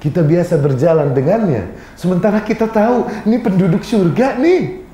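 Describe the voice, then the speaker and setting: High-voiced male preacher in a roomy hall. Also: normal speed. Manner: animated, acts out quoted dialogue; recites Arabic passages. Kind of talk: Islamic sermon with storytelling.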